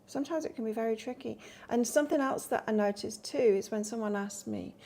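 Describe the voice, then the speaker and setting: This northern English woman speaks fairly quickly in a fairly high, dark-toned voice, her accent part northern English and part Australian. She's doing a casual tarot reading on a live stream, chatting and rambling with viewers between cards.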